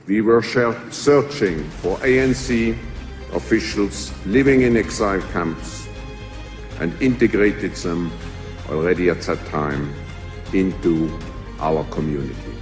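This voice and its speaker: Deep, measured man recalling events. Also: faint music behind. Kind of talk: interview recollection.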